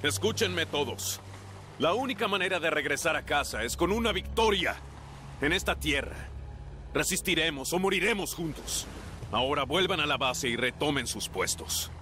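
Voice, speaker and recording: Vengeful warrior prince, intense and animated. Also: male voice, a little high, normal speed, a little hiss or hum. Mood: resolute. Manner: commanding, intense, dramatic. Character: proud, vengeful young human warrior prince. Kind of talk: video game cutscene acting.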